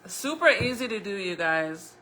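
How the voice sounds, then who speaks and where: A woman's voice: mid-range voice, expressive, moderate pace, sharp tone, slight background noise. A woman chatting casually and informally to viewers as a vlogger, thinking aloud in a rambling way, her speech slightly impeded by a retainer in her mouth. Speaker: vlogger showing crafts and baking.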